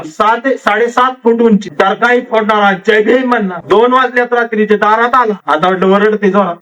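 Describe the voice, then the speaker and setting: A man's voice: high voice, a bit bright, distant mic, rough recording. A man giving a storytelling speech to an audience, acting out the dialogue of the people in his anecdote. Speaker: public speaker.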